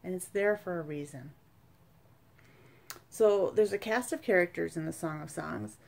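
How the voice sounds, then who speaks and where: In a small home study, a woman in her forties gives informal religious teaching to camera, explaining emphatically and often using tag questions to check for agreement. Her lowish voice is a little slow, creaky and darkish in tone. She works as a church retreat speaker and sacramental prep coordinator.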